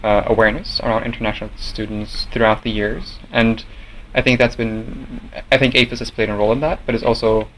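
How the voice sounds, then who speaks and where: Young Norwegian man, low measured voice. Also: flat delivery, a bit bright, slight background noise, low-quality recording. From Norway. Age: young adult. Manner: measured, with many fillers and restarts. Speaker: student association president. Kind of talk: interview answers.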